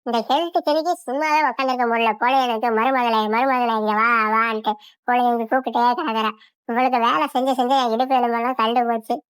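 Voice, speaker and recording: A woman's voice: on the high side, steady tone, quick pace, smooth, lightly acted. A woman voicing a nagging, suspicious old mother-in-law in a cartoon, with a scolding, complaining manner. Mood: calling, complaining. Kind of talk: cartoon voice acting.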